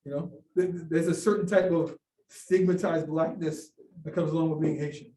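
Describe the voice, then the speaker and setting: Recorded from far off in an echoey lecture room with slight background noise, this man's warm, slightly high voice moves at a moderate pace with fairly level intonation. He's a guest speaker giving an academic talk and taking questions from the audience. His delivery is halting, full of fillers and false starts.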